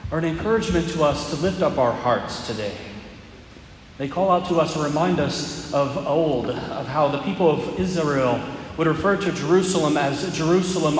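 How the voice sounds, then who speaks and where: Male priest, solemn measured homily, heavy church echo, long reverb tail, faint background noise. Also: a little high. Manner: solemn, measured with deliberate pauses. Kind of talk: liturgical reading and homily. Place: large reverberant church during Mass.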